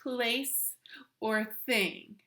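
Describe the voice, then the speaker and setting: Her voice sits on the high side, with drawn-out words and a pushed, bright quality. The woman is a teacher running an interactive children's lesson for viewers on the other side of the screen, offering encouragement, easy instructions, questions and repetition.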